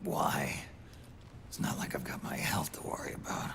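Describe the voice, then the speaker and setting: An actor playing a gruff, stubborn old soldier, world-weary and terse, in a raspy growl. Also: male voice, extremely low pitch, fairly even intonation, moderate pace, a bit bright, a little hiss or hum, exaggerated voice. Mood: resigned, stubborn. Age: older.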